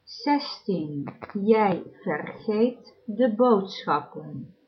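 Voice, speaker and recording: Woman, language drill reading, very slow and careful, lively pitch, dull lo-fi recording. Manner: deliberate, with long pauses between numbered sentences. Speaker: language teacher.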